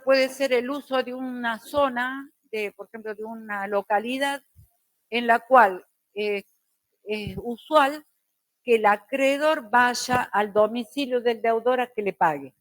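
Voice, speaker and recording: A middle-aged woman teacher, lecturing a class slowly and deliberately with careful diction. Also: a little high, a bit bright, no echo.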